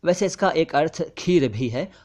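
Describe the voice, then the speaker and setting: A man teaching pronunciation, enunciating each word carefully and slowly and repeating it to contrast wrong and right sounds. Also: a little high, animated, darkish tone. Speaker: language teacher. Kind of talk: pronunciation lesson narration.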